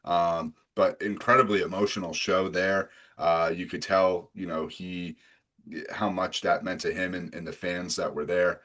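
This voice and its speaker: A man's voice: sits low, level tone, a little slow, a bit bright. A man hosting a casual sports podcast, blunt and profane, rambling with frequent restarts. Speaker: podcast host.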